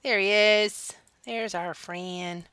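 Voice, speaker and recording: A woman's voice: medium pitch, fairly even intonation, takes it slowly, pushed and bright, smooth, no echo. A woman hosting a video game walkthrough with casual commentary, recorded close up indoors. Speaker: gameplay video host.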